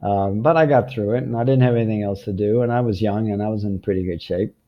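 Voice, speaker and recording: A man's voice: lowish voice, quick pace, dull audio. An older man telling children a rambling personal travel story, full of ums, restarts and chuckles.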